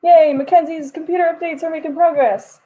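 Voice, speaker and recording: A twenty-one-year-old Texan woman hosts a livestream, chatting casually and reading her viewers' messages aloud to answer them as they arrive. Her voice is very high-pitched with fairly even intonation and a slightly quick pace. The sound is phone quality.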